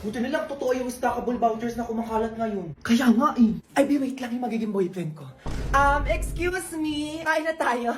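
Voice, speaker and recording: Brief: woman, slightly high voice, playful gossipy banter for a comedy skit. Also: a little fast, hardly any pauses, a little mellow. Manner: teasing, bantering gossip talk. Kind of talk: comic sketch acting.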